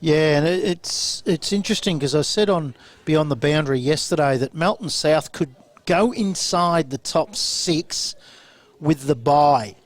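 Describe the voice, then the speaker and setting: An Australian man giving post-match football commentary, brisk and chatty as he runs through results and numbers. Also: on the high side.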